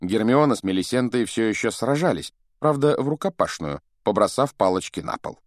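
Animated man narrating a storybook. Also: lowish voice, fairly quick, dry recording, studio quality. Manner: animated, voices each character. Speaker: audiobook narrator.

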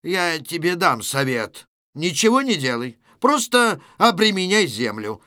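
A man's voice: a little high, sing-song, a little slow, pushed and bright, no echo, clean studio sound, exaggerated voice. A man reading a play aloud, voicing a cynical ex-convict who lectures his neighbors. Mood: sardonic. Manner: sardonic, lecturing. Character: cynical, worldly male ex-convict, mocking.

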